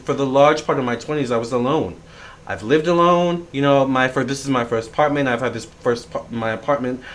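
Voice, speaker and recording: A thirty-year-old man sits and talks to his audience in a casual vlog, rambling and circling back with fillers and restarts. His voice sits at an ordinary middle pitch for a man. His tone is easygoing and reflective. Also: fairly quick. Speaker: tarot reader and astrologer.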